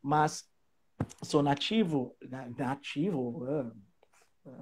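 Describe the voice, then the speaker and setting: A man from Trinidad and Tobago, his English, chatting as a guest teacher and pausing often to find his words. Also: medium pitch, slight background noise. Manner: hesitant, searching for words, with many fillers. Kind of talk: casual live chat.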